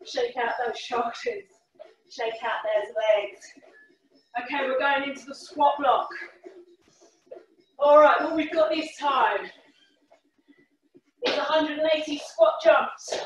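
A woman leading a workout class as a fitness instructor, calling short, energetic, encouraging cues and counts. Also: high-pitched, slow pace, long pauses, a little hiss or hum. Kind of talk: live workout class coaching. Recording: echoey room, far from the mic.

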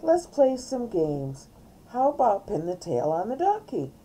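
An older woman voicing a good-natured father, speaking calmly and reassuringly. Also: mid-range voice, a little slow, slightly rough, voice pushed up, rough recording.

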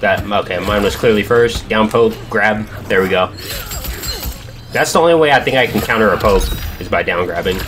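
A young man with a fairly low voice comments casually on his own gaming matches. His talk is slangy, sarcastic and full of profanity. Faint music plays behind him. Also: normal speed, fairly bright tone. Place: indoors at a gaming setup in a dim room. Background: game music.

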